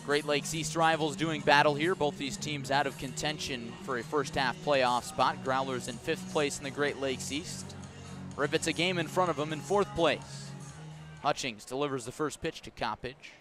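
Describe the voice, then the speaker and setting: A slightly high male voice with fairly even intonation speaks at normal speed, music in the background. He is doing live play-by-play of a baseball game for radio at an outdoor ballpark, going from brief calls to conversational asides.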